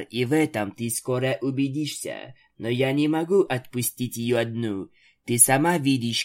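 A man's voice: mid-range voice, natural voice. A man voicing a haughty elder vampire pony sister who speaks in a mocking, cold and domineering way.

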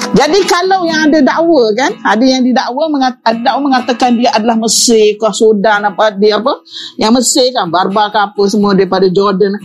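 A woman's voice: fairly high pitch, fairly quick, soft background music. A woman presenting an academic lecture, reading Arabic passages aloud and explaining them with rhetorical questions. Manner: explanatory, quotes Arabic then glosses it, asks rhetorical questions.

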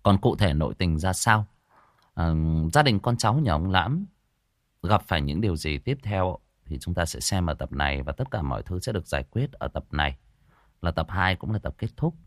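A man, telling a village tale in a lively, folksy way. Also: sits low, moderate pace, dry recording, clean studio sound. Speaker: storyteller. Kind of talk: audiobook narration.

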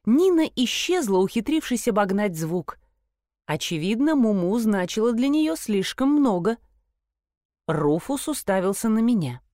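A woman narrating a novel in the first person, in a wry, expressive manner. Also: medium pitch, measured pace, no room sound, studio quality. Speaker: audiobook narrator.

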